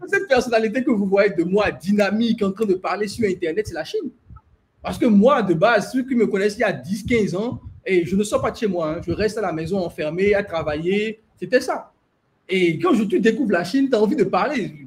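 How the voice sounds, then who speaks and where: A man's voice: sits high, animated, brisk. A man talking animatedly in a group discussion, telling stories with many restarts. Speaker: host. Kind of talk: enthusiastic discussion.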